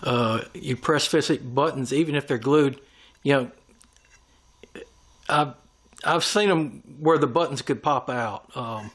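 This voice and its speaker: A man's voice: medium pitch, measured pace, fairly bright tone. Man explaining workshop steps while working. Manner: talks through each step while working. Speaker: airgun tuner demonstrating machining. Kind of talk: hands-on workshop tutorial.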